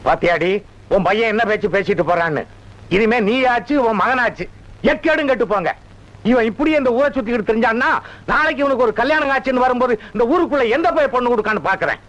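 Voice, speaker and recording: An actor playing an excitable comic village man who wails and scolds theatrically. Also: very high-pitched, quick pace. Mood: scolding. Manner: theatrical, wailing calls. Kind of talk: comic film dialogue. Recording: dull old film soundtrack.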